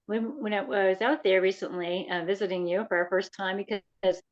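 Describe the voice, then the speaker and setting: A woman hosts a podcast conversation in a friendly, halting manner, full of "um" and "yeah". Her voice sits in a middle pitch. The audio is dull and lo-fi. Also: fairly even intonation. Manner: chatty, halting, many "um" and "yeah". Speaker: podcast host. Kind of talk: casual chat.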